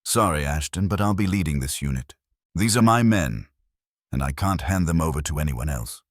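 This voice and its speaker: Firm no-nonsense lieutenant barking orders, man voicing, very low voice. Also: animated, normal speed, no echo, studio quality. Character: firm male lieutenant, loyal to his men.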